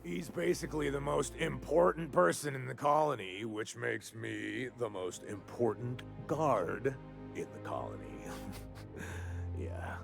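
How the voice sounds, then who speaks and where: A man's voice: medium pitch, slow, vocal fry, music in the background. An actor playing a drunk, boastful young male bodyguard who slurs, giggles and rambles. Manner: slurring, giddy, rambling.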